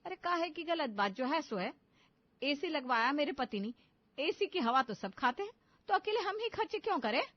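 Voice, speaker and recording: A sharp-tongued young wife who is touchy about money and quick to quarrel, as a woman narrator plays her. She talks in a complaining way at a fairly high pitch. The sound is dull and lo-fi. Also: sing-song, no echo. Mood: arguing.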